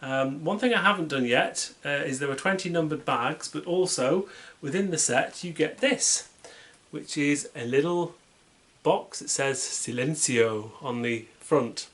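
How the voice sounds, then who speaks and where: A man's voice: fairly high pitch, a bit bright. Chatty British man reviewing a toy set. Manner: chatty, unhurried, self-deprecating. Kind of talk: casual product review. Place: home, at a tabletop.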